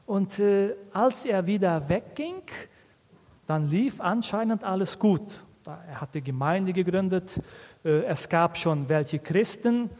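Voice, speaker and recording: A male preacher delivering a sermon, unhurried and questioning, forever checking in with his listeners. His voice runs high for a man. A long reverb from the church hall trails each phrase. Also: expressive, darkish tone. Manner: asks rhetorical questions, often with a tag "nicht?". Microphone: fixed microphone he has to aim at.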